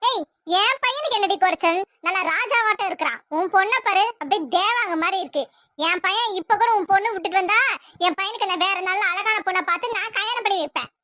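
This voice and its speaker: A bossy old mother-in-law barks insults and demands at her family, as a woman voices her. Her voice sits very high and piercing. It sounds dry and close to the mic, with no room around it. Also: fast talker, sharp tone, no room sound. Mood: scolding.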